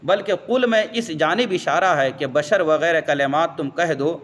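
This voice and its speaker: This religious teacher has a fairly bright voice on the high side, heard in a big-room sound with a little hiss or hum. He walks through his lesson step by step, citing Arabic verses and posing questions he then answers himself.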